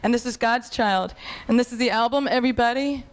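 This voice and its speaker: A bubbly woman with a New York accent, hosting a casual band interview on television. Her voice sits a touch high for a woman, and she laughs easily between questions. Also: a little fast. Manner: bubbly, laughs often, warm praise. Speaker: TV interviewer and host.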